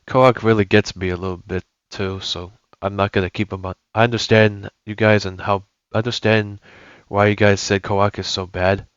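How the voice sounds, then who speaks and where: A man's voice: lowish voice, little pitch movement, normal speed, hardly any pauses, dull audio, a little hiss or hum. A young man giving casual, rambling gameplay commentary, often correcting himself as he goes. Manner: rambling, self-correcting, enthusiastic. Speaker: gaming YouTuber.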